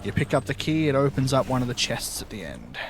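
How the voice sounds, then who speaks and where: A man's voice: medium pitch, wildly swooping pitch, fast, gravelly. A man streaming a video game, casually explaining the quest as he plays. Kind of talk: casual gameplay commentary.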